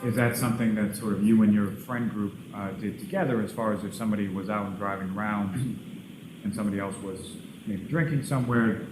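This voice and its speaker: A man questioning a witness as a prosecuting lawyer, with a formal, wordy and halting manner. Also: on the low side, fairly even intonation. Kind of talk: courtroom questioning. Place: large indoor courtroom. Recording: echoey, noisy courtroom feed.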